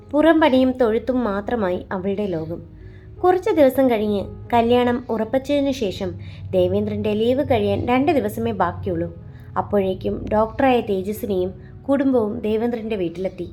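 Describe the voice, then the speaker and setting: A woman narrating a romantic story in an expressive storytelling style. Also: mid-range voice, moderate pace, soft background music.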